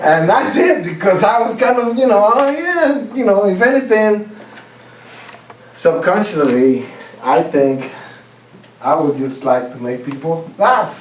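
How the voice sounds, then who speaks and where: This contest speaker from Costa Rica has a voice that sits high and swings widely in pitch, heard distant and echoey as he delivers a humorous speech in a club meeting room. Halting restarts and laughter at his own stories mark his manner; the distant-mic recording is roomy with a faint hiss.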